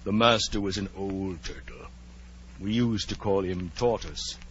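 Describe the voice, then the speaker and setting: A man playing a melancholy, nostalgic old turtle creature in a 1940s radio drama, with earnest, drawn-out pomposity. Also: deep voice, fairly bright tone, a little hiss or hum. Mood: mournful nostalgia. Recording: dull, lo-fi 1940s radio recording.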